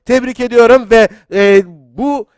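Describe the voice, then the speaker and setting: Excitable high-voiced male quiz host. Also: a little slow, smooth, no room sound, clean studio sound. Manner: excitable, gets loud then apologizes; chatty, reads out viewer comments. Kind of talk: live-stream quiz hosting.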